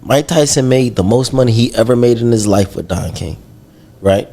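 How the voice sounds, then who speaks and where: Male interview guest, mid pitch, forceful step-by-step explainer. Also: moderate pace, gravelly. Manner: emphatic, explaining with rhetorical questions. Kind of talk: casual interview.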